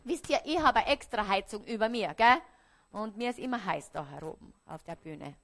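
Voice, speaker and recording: A woman with an Austrian accent, preaching a parable on stage before an audience, often dropping to a hushed, quiet voice. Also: mid-range voice, animated, moderate pace. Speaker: stage speaker.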